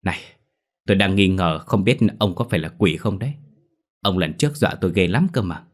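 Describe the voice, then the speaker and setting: A man voicing a bold young male exorcist who answers bluntly and briskly. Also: deep voice, lively intonation. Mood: brusque.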